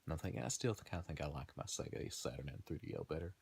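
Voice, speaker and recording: A man's voice: rumbling low, expressive, fast, creaky, a little mellow, slightly rough. A man in his thirties talking in a rambling, casual monologue, trailing off, restarting and laughing at himself. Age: 30s. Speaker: gaming video host.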